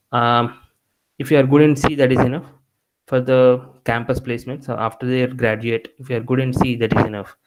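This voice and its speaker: In a poor-quality recording, a man with a mid-range voice speaks to engineering students as a guest. He's a Telugu speaker giving conversational career advice, frequently starting his sentences over.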